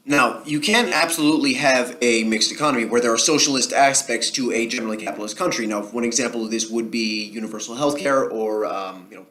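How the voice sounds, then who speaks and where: A man's voice: mid-range voice, a bit bright. A man with a New Jersey accent giving casual solo commentary, arguing his point in a rambling way with frequent ums and restarts. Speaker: political commentary vlogger.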